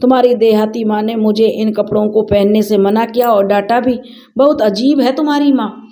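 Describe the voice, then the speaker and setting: A woman's voice: fairly high pitch, fairly even intonation, moderate pace, warm tone, natural voice. A woman voicing a spoiled young city wife who sneers and whines at her mother-in-law. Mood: whiny. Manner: sneering, whiny.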